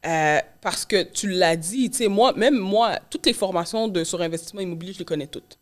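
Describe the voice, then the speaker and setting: A woman, hosting an interview in a relaxed, conversational way. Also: on the low side, a little fast. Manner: responsive, many short backchannels. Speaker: podcast host, real estate broker. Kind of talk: casual interview chat.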